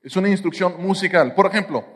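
A man's voice: high-pitched, quick pace, long reverb tail. A man with a Mexican accent preaching a sermon, with playful jokes and asides to the congregation. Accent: Mexican Spanish. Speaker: pastor.

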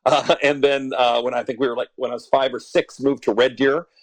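A man in his forties from Alberta, Canada, an author, speaks as a guest in a podcast interview, thoughtful and often using fillers and chuckles. His medium-pitched voice is level in tone and a little fast, and the recording is dry.

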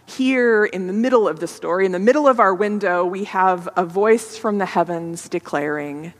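A woman's voice: mid-range voice, moderate pace, big-room sound. A woman pastor giving a sermon in a reflective, conversational way, in a church sanctuary.

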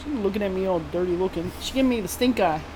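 A woman's voice: mid-range voice, animated, fast talker. Woman, podcast co-host, casual chat, dry teasing quips, noisy room, air conditioner hum. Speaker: guest co-host.

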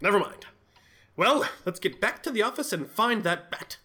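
A man's voice: high voice, sing-song, moderate pace, pushed and bright, exaggerated voice. A man playing the pompous Midnight Sleuth. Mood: smug. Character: cowardly, pompous, scatterbrained male sleuth. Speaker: bumbling detective in a radio-drama parody. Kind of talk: 1940s radio acting.

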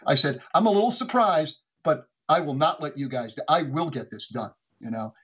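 A man with a slightly high, husky voice races through a career story, stumbling and restarting as he goes. The sound is dull and lo-fi, like a remote line. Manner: quick, animated, frequent restarts. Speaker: guest, former executive. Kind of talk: anecdotal storytelling.

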